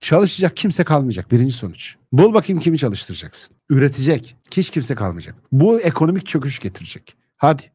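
A man's voice: medium pitch, big pitch swings, a little fast, few pauses, mellow, slightly rough, no echo, clean studio sound. A man giving a heated spoken monologue, combative and scornful, firing rhetorical questions and blunt slang straight at his listeners. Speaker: lecturer on social issues.

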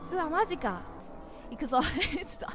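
A young woman giving animated, jumpy commentary as she plays a horror game, calling herself by name. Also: high voice, fairly quick, soft background music. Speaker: game streamer.

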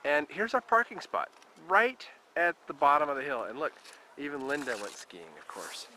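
Holding a camcorder at arm's length, a man in his forties narrates a home video of his family on a little snowy ski hill. His voice is a little high, animated and bright with a forceful tone, at a moderate pace, chatty and upbeat as he coaches a child. The outdoor camcorder audio is noisy.

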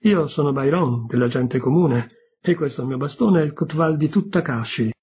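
A man's voice: fairly high pitch, normal speed, darkish tone, husky. A man reading aloud as a boastful, dull-witted male bull god in a storybook tale. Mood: pompous.

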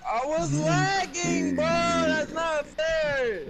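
A man's voice: very high voice, big pitch swings, drawn-out words, over loud music. A young man complaining and swearing as he trash-talks a friend during a video game. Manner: exasperated, complaining, heavy swearing. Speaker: gamer. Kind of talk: casual gaming trash talk with a friend.

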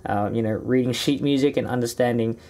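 A man's voice: medium pitch, steady tone, fairly quick, dark tone, a little hiss or hum. Upbeat young Australian man, chatty vlog. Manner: chatty, upbeat, gestures a lot with hands. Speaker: musician and vlogger. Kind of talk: casual direct-to-camera vlog. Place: small indoor music studio.

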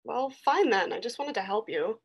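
A woman's voice: a little high, expressive, normal speed, breathy edge, lo-fi sound. A woman reading a sly, cheeky kid sister. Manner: sly, conspiratorial. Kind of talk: script read-through.

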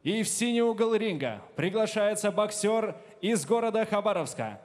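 Young guy doing boxing ring announcer stuff, high voice, formal and ceremonial, handheld mic. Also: a little mellow. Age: young adult. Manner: ceremonial, drawn-out fighter names. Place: large indoor boxing arena. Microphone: handheld microphone.

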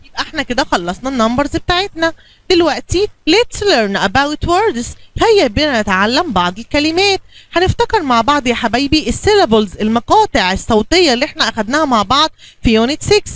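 High lively Egyptian kindergarten teacher. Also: female voice, quick pace, dry recording. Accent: Egyptian Arabic. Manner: coaxing, asks and answers her own questions. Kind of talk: bilingual classroom lesson for young children.

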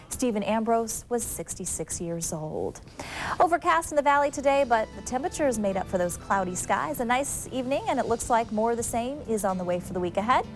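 A woman news anchor reading local news stories in a crisp, scripted delivery. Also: medium pitch. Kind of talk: local TV newscast. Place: TV news studio.

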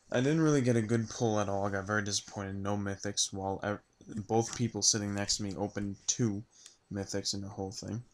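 Hoarse man rambling in a vlog. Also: lowish voice, a little hiss or hum. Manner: rambling, with many ums and restarts. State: hoarse, voice worn from yelling. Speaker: card game vlogger. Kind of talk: casual vlog recap.

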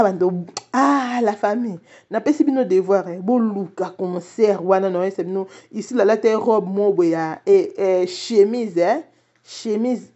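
A woman's voice: medium pitch, dark tone, dull audio. A woman hosting a casual live stream, exclamatory and chatty, greeting viewers by name and tagging her lines with "hein?". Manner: code-switches, many "hein?" tags.

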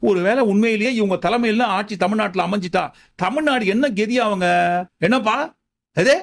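A man's voice: high voice, a little fast, creaky. A man giving mocking commentary over clips, asking sarcastic rhetorical questions. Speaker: troll video narrator.

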